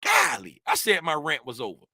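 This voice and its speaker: Trading host, male, rowdy ranter, bright high voice. Dry, close sound. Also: moderate pace, gravelly, breathy edge, no echo. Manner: animated, rowdy, ranting. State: worked up and sweating. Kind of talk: casual rant to viewers.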